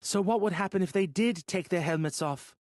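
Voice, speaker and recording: An anxious young woman , as a male narrator puts her on, asks pressing, worried questions. Her voice sits well above his usual pitch and a bit louder, and the recording is close and dry with no room sound. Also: brisk, dry recording, natural voice. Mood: curious.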